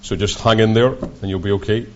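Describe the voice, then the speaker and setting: A man with a broad Scottish accent preaching a sermon as a visiting preacher, in measured, deliberate, halting phrases. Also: lowish voice, steady tone, darkish tone. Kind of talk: sermon with scripture readings. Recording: dull, lo-fi sound.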